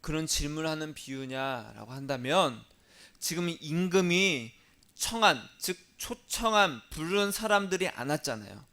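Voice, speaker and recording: A male pastor preaching a sermon. He poses questions and answers them himself, has the congregation repeat phrases after him, and moves between stressed, louder phrases and soft, low asides. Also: animated, measured pace.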